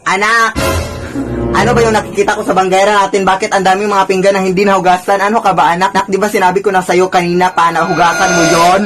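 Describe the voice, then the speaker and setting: A performer playing a bossy, fussy mother in a comedy skit, scolding her child in quick exclamations. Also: medium pitch, little pitch movement, fairly bright tone, soft background music, lightly acted.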